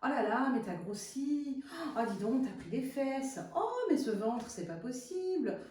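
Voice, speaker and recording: A woman's voice: a little high, animated, measured pace, warm tone, slight background noise, voice pushed up. A woman voicing a petty, mean female inner critic who mocks and insults with scornful exclamations. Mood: mocking. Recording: very echoey room, far from the mic.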